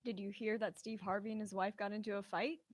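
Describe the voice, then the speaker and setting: Husky woman telling dad jokes. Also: medium pitch, fairly even intonation, fast talker. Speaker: joke contestant. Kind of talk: trading dad jokes in a contest.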